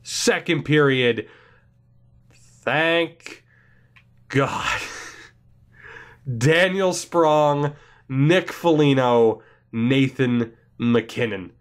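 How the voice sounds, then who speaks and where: Pausing often and talking extremely slowly, a young man with a medium-pitched voice delivers let's play commentary on a hockey video game for his gaming video. Though congested from a cold, he's excitable and rambling, thinking aloud throughout.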